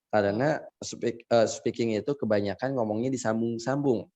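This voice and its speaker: A man's voice: mid-range voice, normal speed, dark tone. A man with an Indonesian accent teaching an English class, chatty and laughing often as he imitates accents. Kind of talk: classroom lesson, casual explaining. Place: classroom with students.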